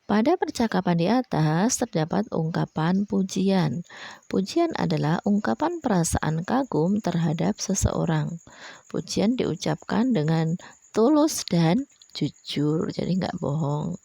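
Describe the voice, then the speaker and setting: A woman's voice: lowish voice, animated, a little slow, vocal fry, mellow, breathy edge, no room sound. A woman primary school teacher, patiently explaining a lesson to children and ending her phrases with a friendly "ya". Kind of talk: online class lesson.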